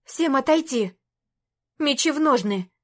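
A woman's voice: sits high, lively intonation, unhurried. A woman voicing a young princess who gives firm, raised-voice commands. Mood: alarmed command. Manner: stern, raised voice.

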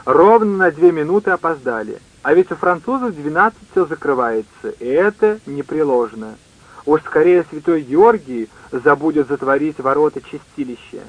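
A man's voice: on the high side, expressive, normal speed, no room sound, rough recording. A man reading an audiobook, voicing a tipsy grown man who teases and bosses his friends. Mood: mocking. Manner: mocking, bossy.

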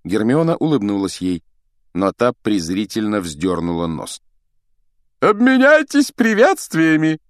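A man reads a fantasy novel aloud as an expressive storyteller. His voice is mid-pitched with a lively, varied melody. The recording is dry and close to the mic. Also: moderate pace, no room sound. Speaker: audiobook reader. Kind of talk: scripted narration of a fantasy novel.

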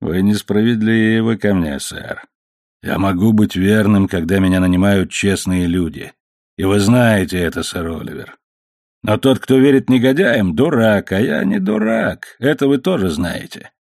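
A man reading the part of a sly, good-natured ship captain who talks in a smooth, bargaining way. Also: lowish voice, animated, normal speed, a little mellow, dry recording, clean studio sound.

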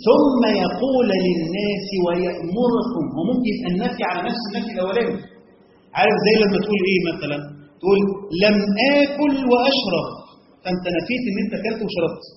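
A man with an Egyptian Arabic accent teaching a classroom lecture on Quran commentary, quizzing listeners with quick questions and reciting verses slowly. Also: high voice, slight background noise. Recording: echoey hall, dull lo-fi sound.

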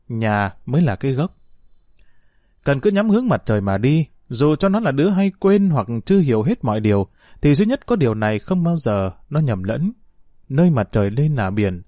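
A man reading a story aloud as narrator, in an expressive storytelling manner. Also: medium pitch, no room sound, studio quality.

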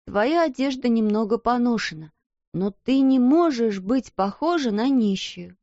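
A woman voicing a timid, kind, slow-witted schoolgirl who speaks hesitantly, in a muffled, dull recording. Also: on the high side, lively intonation, darkish tone, dry recording, pitched above the performer's own voice.

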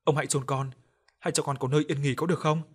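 A man voicing the ghost of a young boy, calm and forgiving, with an echoing voice, in an audio story. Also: fairly high pitch, quick pace, slightly rough. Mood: calm resolve.

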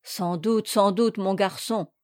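A woman's voice: mid-range voice, fairly even intonation, slow pace, a little mellow, dry recording, clean studio sound, natural voice. A woman reading aloud voices a scheming, greedy aging male steward who talks with fervent, sneering intensity.

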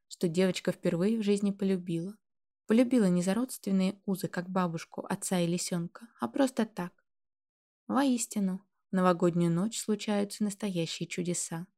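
A woman narrating a story in first person, with gentle, even storytelling. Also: mid-range voice. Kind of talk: audiobook narration.

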